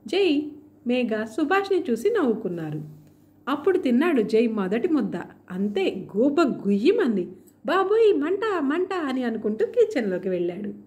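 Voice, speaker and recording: A woman narrating an audiobook story in an expressive, lively reading style. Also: on the high side, normal speed.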